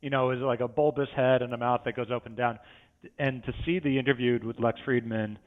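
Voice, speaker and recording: A man who runs a company, speaking as a podcast guest in a relaxed, joking, conversational way. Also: mid-range voice, fairly quick. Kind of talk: casual podcast chat. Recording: slightly dull, lo-fi audio.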